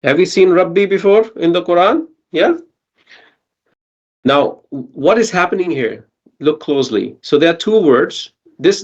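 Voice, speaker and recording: A man teaching a Quranic Arabic grammar lesson online, patiently asking his students questions and checking in with them. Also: medium pitch.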